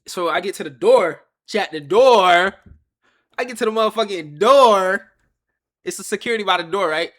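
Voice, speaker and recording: Animated young man telling a story. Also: high voice. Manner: animated, acts out the other people's lines. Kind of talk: casual storytelling to chat. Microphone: webcam or phone on a stand.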